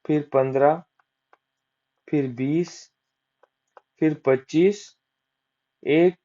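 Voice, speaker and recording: Drawing out his words in a mellow, fairly high voice, a maths tutor leads an exam-prep lesson, computing sums aloud step by step and asking then answering himself. His Hindi is mixed with English maths terms, heard on a dull lo-fi recording.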